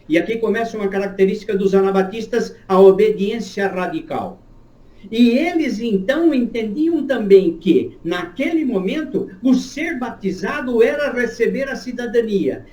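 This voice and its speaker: A man's voice: high voice, darkish tone, roomy sound. A man who is a pastor and church history professor, answering an interview question with a long, emphatic, lecturing explanation.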